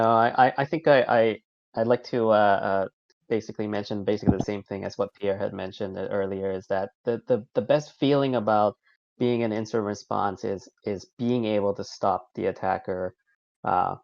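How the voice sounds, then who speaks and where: A man speaking haltingly with many restarts and fillers as a panelist in a casual panel discussion. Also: lowish voice, steady tone, creaky, a little mellow, no room sound, muffled recording. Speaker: incident response panelist.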